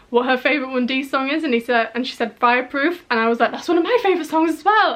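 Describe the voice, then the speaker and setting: A woman's voice: fairly high pitch, fairly bright tone. Chatty young woman gushing as a fan. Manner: gushing, chatty, many likes and restarts. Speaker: vlogger. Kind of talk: casual fan chat to camera.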